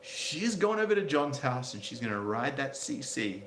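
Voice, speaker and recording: A man's voice: medium pitch, sing-song, normal speed, a bit bright. Sardonic man commentating in an echoey room. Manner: blunt, sardonic, crude asides. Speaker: commentary video host. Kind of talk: reading out a story with casual commentary. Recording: roomy echo, faint background noise.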